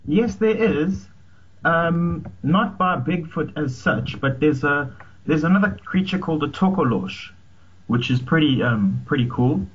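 A man's voice: a little high, animated, unhurried. Man, hollow tunnel-like echo, muffled computer mic, slightly raised voice, hesitant with ums, faint hiss. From South Africa. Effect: hollow echoing tunnel sound. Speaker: caller. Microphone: computer mic over an internet call. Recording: muffled, tunnel-like internet call.

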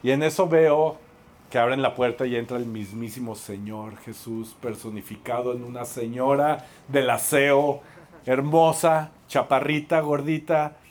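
A man with a Mexican accent preaching through a lively, self-mocking story, acting out the voices of the people in it. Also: mid-range voice, a little slow. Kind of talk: storytelling sermon.

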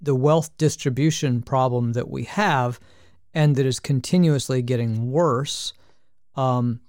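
A man's voice: mid-range voice, a little slow, darkish tone, no room sound, studio quality. A man co-hosting a podcast, chatting casually, rambling with frequent restarts and hesitations. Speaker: podcast co-host. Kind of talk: casual chat.

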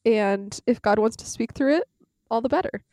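A woman co-hosting a podcast, earnest and measured, who also reads scripture aloud. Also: a little high, lively intonation, mellow, dry recording, studio quality. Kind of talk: conversational discussion, reading scripture aloud.

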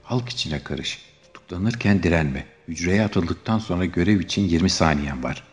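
A man voicing a young woman rebel who quietly rehearses her plan, measured and tense. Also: sits low, expressive, soft background music.

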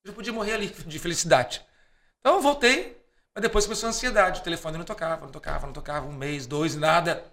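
A Brazilian man appearing as a podcast guest tells animated anecdotes in a fast, gravelly voice on the high side. He acts out the dialogue in different quoted voices and laughs between lines like a lively storyteller.

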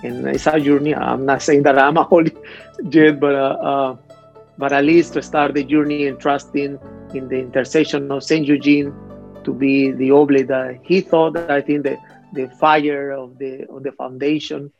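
A priest from Mexico talks through his story in a flat, gravelly voice, stopping and restarting often. The audio is a little dull, with faint music underneath. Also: mid-range voice. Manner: hesitant, halting, many restarts. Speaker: priest guest. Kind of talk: conversational interview.

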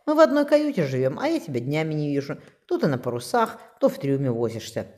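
Give me a woman reading a gentle sea captain father, low and lively. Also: fast talker. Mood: tender. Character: kind middle-aged male ship admiral, loving father.

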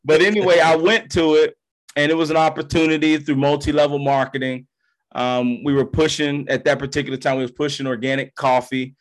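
A man's voice: a little high, a little fast. A man, a former pro baseball player, telling a story in casual slang and acting out the voices of the people in it. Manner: animated, slangy, acts out voices in his stories.

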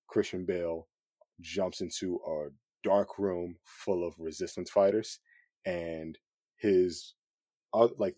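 A man with a low, mellow voice talks through his camera work in a loose, easygoing podcast chat. He rambles, piling on fillers and restarts. The sound is dry and close, with no room around it. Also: dry recording. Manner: relaxed, rambling, many fillers. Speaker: cinematographer guest. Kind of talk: casual podcast conversation.

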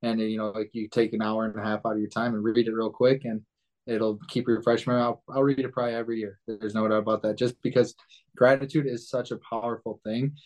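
A man's voice: lowish voice, flat delivery, fast talker, a little mellow, rough recording. A man hosting a podcast, chatting casually and plainly, with easygoing mild swearing. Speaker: podcast host. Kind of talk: casual interview chat.

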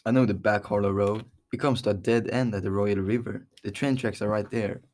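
A man's voice: on the low side, fairly even intonation, fairly quick, a little mellow, natural voice. Teddy Duchamp, cocky hot-headed boy played by a man. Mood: eager. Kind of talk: amateur dramatic read-through.

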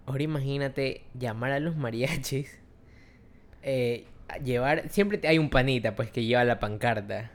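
A man's voice: mid-range voice, moderate pace. A young man chatting casually, joking and laughing often. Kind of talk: casual chat.

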